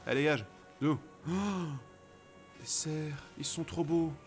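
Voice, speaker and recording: A man giving excited, profane commentary while playing a video game, swinging from mumbles to shouts. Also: on the high side, a little slow. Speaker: let's play gamer. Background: game music.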